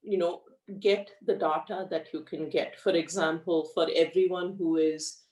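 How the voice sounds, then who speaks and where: A middle-aged woman talks frankly and in a measured way, with plenty of fillers. Her voice sits fairly low for a woman. She is recorded a way off the mic in an echoey room. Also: steady tone, a little mellow, distant mic. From India, raised in Australia. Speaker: guest. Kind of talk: conversational interview.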